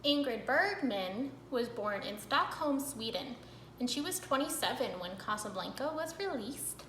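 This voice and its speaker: A woman's voice: on the high side, expressive, a little slow, fairly bright tone, roomy sound, slight background noise, rough recording. A young woman hosting a cooking vlog, chatting casually to camera with a rambling, filler-filled manner.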